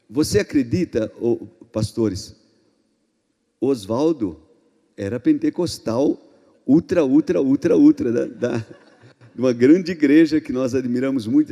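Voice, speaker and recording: A Brazilian pastor preaching a sermon in an emphatic way, swinging between loud outbursts and hushed passages. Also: male voice, fairly high pitch. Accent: Brazilian Portuguese. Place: church hall. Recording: long reverb in a church hall.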